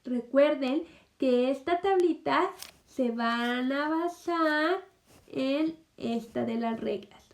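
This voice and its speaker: A woman's voice: high voice, slow pace. A woman teaching a recorded English lesson to children, explaining patiently and checking in with "ok?" again and again. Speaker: primary school English teacher.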